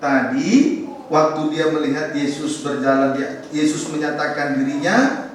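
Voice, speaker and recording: Man preaching a sermon, kinda high voice, repeats lines for emphasis, big echoey church hall, mic far away. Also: unhurried, slight background noise. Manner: emphatic, repeats scripture lines and calls back to the congregation. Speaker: pastor.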